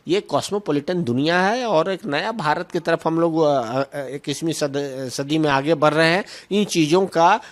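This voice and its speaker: A political spokesman with a moderately high-pitched voice answers questions in an argumentative way, driving his points home through repeated phrasing. He freely mixes English terms into what he says, speaking at a moderate pace with few pauses.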